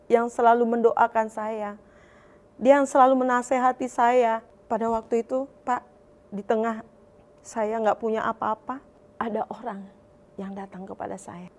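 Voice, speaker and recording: A woman with a high voice telling her own faith testimony. She speaks with deep feeling, and her voice rises and strains when she retells her prayers. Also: fairly even intonation, moderate pace, a little mellow. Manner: emotional, voice rising high when recalling prayers.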